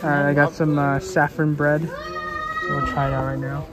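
A man's voice: on the high side, huge pitch swings, normal speed, over loud music. A young man narrating a casual travel vlog in a loose, chatty way, with lots of fillers and self-corrections. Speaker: travel vlogger. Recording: busy crowd noise around him.

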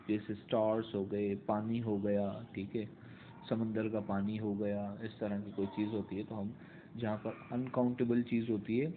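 A man teaching English grammar in a slow classroom explanation, repeating words and mixing English into Hindi. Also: medium pitch. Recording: tinny phone-like audio with faint noise.

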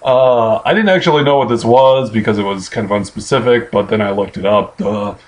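An American man in his late twenties answers questions off the cuff in a halting, casual way, thinking aloud into a computer mic in a bedroom. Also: on the low side. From Missouri, United States. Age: late 20s. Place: small bedroom, indoors. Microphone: webcam or computer mic at arm's length.

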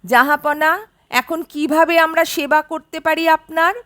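A woman voicing a playful, quick-witted young wife who answers her guest with sly jokes, in an audiobook story. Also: high voice, steady tone, pushed and bright, no echo.

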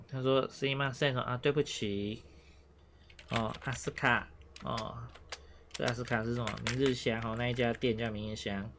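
Male Japanese teacher, mid-pitched, patient and repetitive, faint noise and keyboard clicks behind. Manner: patient, repetitive explaining with frequent "oh" fillers. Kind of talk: online language lesson.

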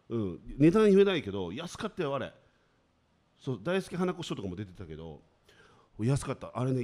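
A man's voice: medium pitch, darkish tone. A man, hosting a casual comedy radio talk in a sardonic, self-mocking, grumbling way. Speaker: radio show host. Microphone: studio microphone.

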